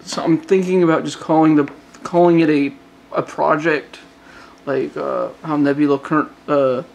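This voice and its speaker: A man's voice: on the high side, fairly even intonation, normal speed, gravelly, darkish tone. Rambling Southern man, late-night update. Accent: Southern US, Georgia. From Georgia, US. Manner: rambling, frequent restarts and fillers. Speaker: hobbyist phone modder. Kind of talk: casual vlog update.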